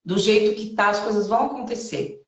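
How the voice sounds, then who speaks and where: A woman's voice: medium pitch, brisk. A Brazilian woman hosting a podcast in Portuguese, talking in a chatty, affirming way. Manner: chatty, affirming, often asks "né?". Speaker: podcast host. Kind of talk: casual conversation. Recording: roomy echo.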